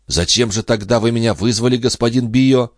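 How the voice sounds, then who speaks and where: A man reading a young, naive peasant lad in an audiobook, earnest and excitable, always polite and always hungry. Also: medium pitch, brisk, no echo, studio quality, voice pushed up, close to an everyday voice. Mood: earnest, puzzled.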